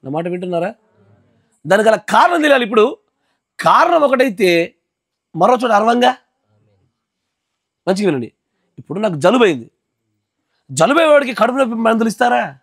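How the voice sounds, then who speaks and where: A man's voice: high-pitched, no echo, studio quality. A male pastor giving an emphatic sermon at a house gathering, often checking that his listeners follow.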